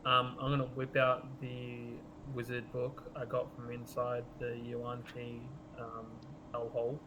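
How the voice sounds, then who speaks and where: Male game player, mid-pitched and even, casual halting role-play talk, clear background noise. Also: dull audio. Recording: clearly noisy room recording.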